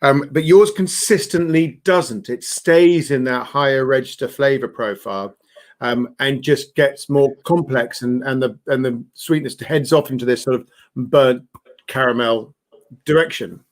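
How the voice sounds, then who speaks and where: A man's voice: medium pitch, measured pace. A man hosting a casual interview over a video call, chatty and hesitant, full of fillers and restarts. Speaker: host.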